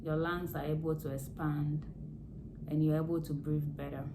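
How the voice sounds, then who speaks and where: A nurse with a hoarse, low voice runs through home care in a casual health advice vlog, explaining plainly at a moderate pace and repeating the key words. She speaks to camera, and a steady hiss sits behind her voice.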